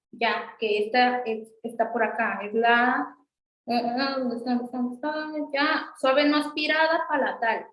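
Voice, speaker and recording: A woman's voice: high-pitched, fairly bright tone, roomy sound, poor audio. A woman teaching an introductory language class, patiently repeating example words. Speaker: Sanskrit teacher. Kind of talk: online class explanation.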